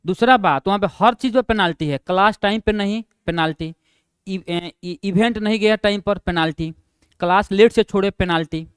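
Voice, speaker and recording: A young male online teacher telling classroom stories in a casual, chatty way, laughing at his own tales and dropping low for quoted asides. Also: normal speed, clean tone, dry recording, studio quality. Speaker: online exam-prep teacher.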